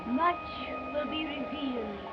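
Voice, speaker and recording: A woman's voice: high voice, measured pace. An actress playing an imperious woman who poses as a goddess, speaking in a stately, archaic, stagey way on an early talkie film soundtrack. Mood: commanding. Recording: muffled old film sound with music.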